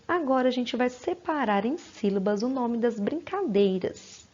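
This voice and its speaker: A woman with a slightly high, husky, darkish and expressive voice teaches young children in a recorded lesson. She takes words apart syllable by syllable with slow, patient care. The sound is dull and lo-fi, as if recorded at home.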